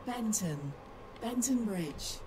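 A woman's recorded voice as an automated train announcer, with each word spliced in as a separate clip and read out in a flat, evenly spaced way. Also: medium pitch, takes it slowly, poor audio. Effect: spliced-together recorded words, each station name a separate clip. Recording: game audio over crowd murmur.

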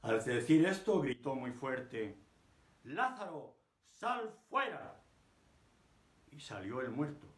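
An older man reading scripture aloud from a book in a living room, measured and emphatic. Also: medium pitch, roomy sound. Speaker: scripture reader. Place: living room, seated on a sofa.

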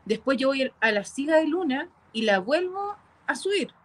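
A woman telling a frightening personal experience, halting and repeating herself with nervous laughs. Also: high voice, sing-song. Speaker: caller telling a paranormal experience. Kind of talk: emotional first-person storytelling.

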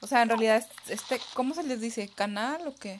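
A young woman, chatting excitedly while playing a game on a live stream. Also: on the high side, a little hiss or hum. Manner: chatty, excitable, quick laughs. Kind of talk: casual live-stream chat.

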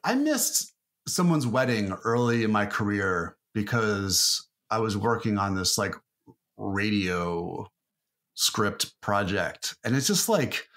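Speaking slowly in a fairly low, expressive voice with a fairly bright tone, a man rambles through a casual podcast interview as a marketing guest, his speech full of fillers and restarts.

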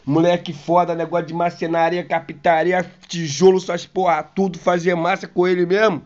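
A man telling a comic story in slangy, profane, animated speech. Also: sits high, moderate pace. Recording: dull lo-fi recording.

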